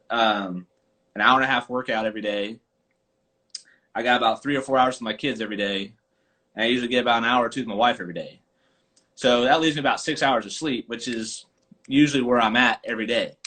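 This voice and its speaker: A man, a golf coach and podcast host, telling stories in an animated casual chat over a live video call. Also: medium pitch, brisk. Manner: animated, chatty storyteller.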